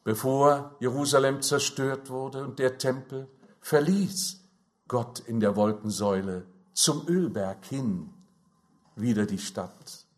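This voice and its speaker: Man, preacher, sermon, slow deliberate delivery, emphatic. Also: mid-range voice, darkish tone.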